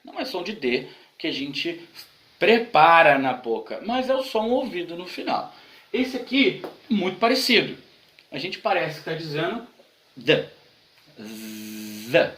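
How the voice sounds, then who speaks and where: A man's voice: high-pitched, sing-song, moderate pace, fairly bright tone, roomy sound, low-quality recording. A man from Brazil teaching an online English grammar lesson, explaining patiently and repeating examples.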